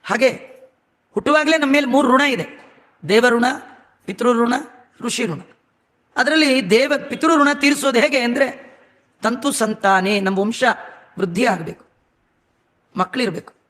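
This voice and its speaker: A man's voice: very high voice, unhurried, long pauses, fairly bright tone. A man giving a storytelling sermon, chanting verses and making humorous, scolding asides to his listeners. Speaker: religious discourse speaker. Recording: echoey hall.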